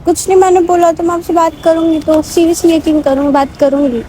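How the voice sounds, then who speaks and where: Young female vlogger, high voice, pleading and soothing, light road noise in the background. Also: level tone, brisk, mellow, rough recording. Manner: pleading, soothing, repeats words. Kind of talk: emotional staged vlog conversation.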